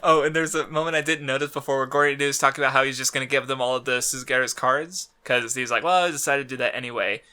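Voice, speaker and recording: A man's voice: medium pitch, level tone, very fast, few pauses, pushed and bright, clear, resonant tone. A man co-hosting a podcast in casual chat, rambling through fillers and restarts and laughing often. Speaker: podcast co-host.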